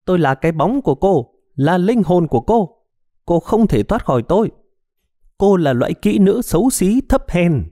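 A man's voice: high voice, big pitch swings, moderate pace, warm tone, dry recording, studio quality, pitched above the performer's own voice. A man voicing a spiteful, mocking female alter ego who sneers and taunts, in a storybook reading. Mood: sneering.

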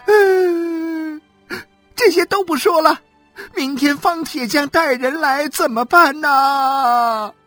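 A shrill wailing mother. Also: a bit bright, no echo, faint music behind. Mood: wailing lament. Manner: sobbing, drawn-out lament. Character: wailing wronged mother, shrill and self-pitying. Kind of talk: audiobook character voice.

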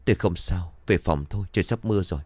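Người đàn ông giả giọng ả đàn bà trẻ nham hiểm, khinh bỉ. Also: male voice, low voice, fast talker, no room sound. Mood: scheming. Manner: sneering, scornful. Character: scheming spiteful young woman.

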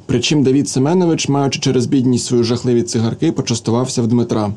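A man narrating a literary story in a steady, even reading. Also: mid-range voice, fast talker. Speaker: audiobook narrator.

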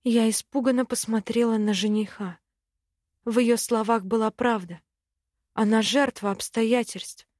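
A woman reading a first-person fantasy novel aloud in an even, steady way. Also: a little high, a little slow, dry recording, studio quality. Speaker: audiobook narrator.

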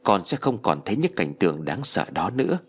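A man voicing a kindly, wise old sorcerer in a read-aloud ghost story, speaking slowly and gently with a husky voice. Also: low-pitched, big pitch swings, exaggerated voice. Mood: solemn. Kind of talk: storybook reading.

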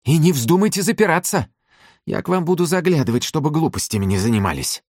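A furious old working-class mother who scolds and shouts in a high, strained voice, as a male narrator puts her on. Her voice leaps wildly up and down in a dry, close audiobook recording. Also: lively intonation, quick pace, no echo. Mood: gruff.

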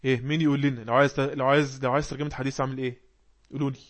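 A man with an Egyptian accent teaching an English class online, explaining words and quizzing the class with quick questions. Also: medium pitch, flat delivery. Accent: Egyptian Arabic. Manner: reads English passages slowly.

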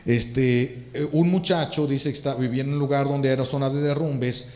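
A priest giving a fervent sermon, repeating phrases for emphasis. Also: male voice, medium pitch, fairly even intonation, normal speed, a little mellow, roomy sound.

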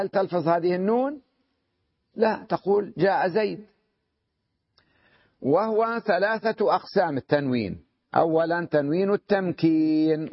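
A man with a fairly high voice teaches a grammar lesson, stopping again and again to ask his students whether they follow. He slows right down to read out quoted lines. The recording is dull and lo-fi. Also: no room sound. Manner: checks understanding with frequent questions to students. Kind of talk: classroom lesson.

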